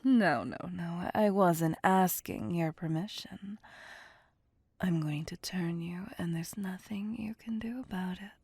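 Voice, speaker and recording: A woman plays an ancient female vampire in an ASMR roleplay, speaking very slowly in a dark, breathy near-whisper on the low side. Possessive, playful, and domineering, she teases, coaxes, and commands the listener as her prey. It's a full character voice with no room sound.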